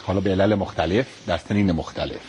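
A middle-aged man, a pediatric neurosurgeon, answering interview questions politely and explaining calmly with everyday comparisons. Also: deep voice, a little hiss or hum.

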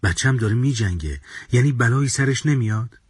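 A man's voice: mid-range voice, animated, husky, dry recording, clean studio sound, distant mic. A man doing a kindly, anxious father. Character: worried middle-aged father driving his family. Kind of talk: audio story reading.

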